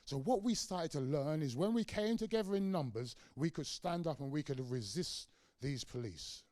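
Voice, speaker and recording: A middle-aged man tells stories as a guest lecturer, his voice warm and mellow and swinging widely in pitch. He talks conversationally with casual fillers and acts out the voices he quotes. The sound is close and dry. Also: expressive, normal speed, no room sound. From England. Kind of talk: storytelling lecture.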